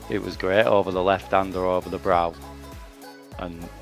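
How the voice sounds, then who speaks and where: A man's voice: low voice, little pitch movement, moderate pace, gravelly, faint music behind. A man from Oldham with a northern English accent, a racing driver chatting casually after a race, plain-spoken and self-deprecating, laughing easily. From Oldham, northern England. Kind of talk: casual post-race interview.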